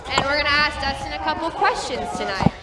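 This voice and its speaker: A woman asking a player quick, bubbly questions in an interview segment. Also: high voice, roomy sound, over loud music, over a noisy crowd. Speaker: sideline interviewer.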